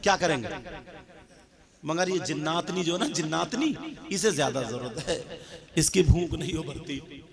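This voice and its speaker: A man preaching an emotional storytelling sermon, repeating phrases and rising into sing-song chanting and shouts. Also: on the high side, animated, measured pace, creaky, pauses often, crowd noise. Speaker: Islamic preacher. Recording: music bed under the voice. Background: music playing under the speech.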